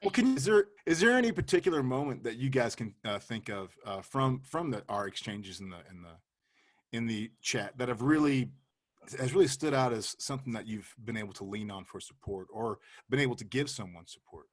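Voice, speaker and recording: A man's voice: medium pitch, expressive, fairly quick. A man hosting a casual video-call chat, laid-back, laughing easily and swearing casually. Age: 40s. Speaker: host.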